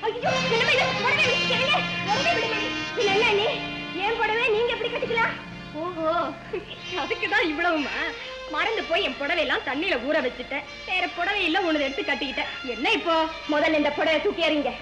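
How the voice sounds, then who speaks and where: A touchy young woman in a 1970s film drama who guards her belongings fiercely and turns every slight into bitter reproach. Her voice sits very high, over a film score. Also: animated, brisk, music in the background, poor audio. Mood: indignant. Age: young adult. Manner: bitter, self-pitying reproach. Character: touchy, possessive young woman, easily wounded. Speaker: unmarried younger sister.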